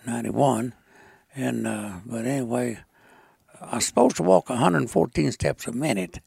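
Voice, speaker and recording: An elderly man with a rural Arkansas, Appalachian-like mountain accent and a gravelly voice, telling a folksy story in a halting, plainspoken way. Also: mid-range voice, lively intonation, darkish tone, no room sound, studio quality. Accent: rural Arkansas Ozark mountain, Appalachian-like. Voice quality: gravelly, raspy old voice. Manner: halting, plainspoken, rustic grammar. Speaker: storyteller being interviewed.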